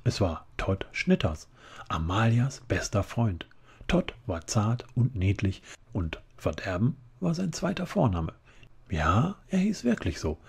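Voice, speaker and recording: A man reads a storybook in a calm, soft ASMR manner. His deep voice is gravelly and breathy, with lively rises and falls. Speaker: reader. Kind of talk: relaxed ASMR story reading.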